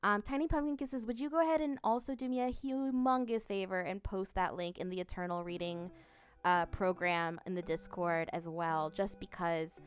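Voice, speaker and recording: A woman's voice: mid-range voice, steady tone, moderate pace, smooth, no room sound. A woman streamer in a casual live chat, reading messages aloud with many fillers and restarts, breaking into bubbly greetings.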